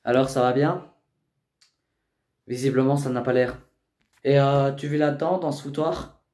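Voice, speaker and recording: A man working as a youth educator, speaking firmly and insistently but keeping a calm voice during a tense reality TV confrontation. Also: medium pitch, normal speed, reverberant. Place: inside a family apartment.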